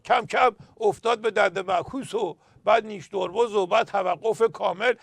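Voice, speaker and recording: High, gravelly-voiced man telling satirical jokes. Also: no room sound. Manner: telling anecdotes with punchlines, emphatic outbursts. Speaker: satirical pundit character "Doctor". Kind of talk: scripted political satire sketch.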